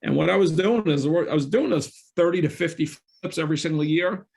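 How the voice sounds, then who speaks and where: A man's voice: a little high, brisk, creaky, darkish tone, slightly rough. A middle-aged man, a guest on an interview show, telling his own story in an earnest, candid way, often restarting his sentences. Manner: earnest, frequent restarts and self-corrections. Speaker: guest, real estate investor.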